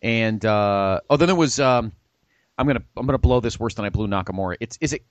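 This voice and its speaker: A man's voice: lowish voice, brisk, dry recording, muffled recording. A man hosting a casual pop culture podcast, talking with enthusiasm and plugging comics and TV shows. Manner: animated, enthusiastic, plugs shows. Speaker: podcast host.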